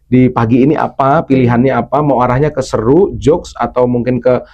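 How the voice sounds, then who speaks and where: Fast-talking man coaching on public speaking. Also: medium pitch, muffled recording. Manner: fast, animated explainer, acts out example voices. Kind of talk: coaching talk in a podcast interview.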